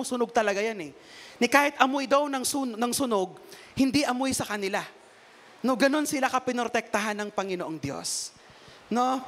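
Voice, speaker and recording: A man with a strikingly high voice gives a relaxed, chatty sermon that moves between Tagalog and English. He keeps pulling listeners in with quick tag questions, like a preacher talking with the congregation rather than at it. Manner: conversational, peppers talk with tag questions. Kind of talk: Taglish sermon.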